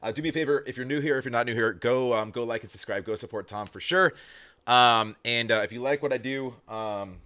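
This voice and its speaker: A man's voice: mid-range voice, fairly quick, bright, forceful tone. A man hosting a casual reaction video, rambling with lots of fillers and restarts and casual swearing.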